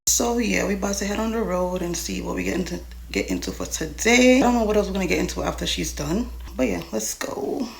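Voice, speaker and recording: A woman with a slightly low, creaky voice talks casually to her vlog audience in informal slang. There is clear background noise around her, like ambience in a car. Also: very animated, quick pace. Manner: informal, slangy, addressing viewers directly. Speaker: vlogger. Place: partly inside a car.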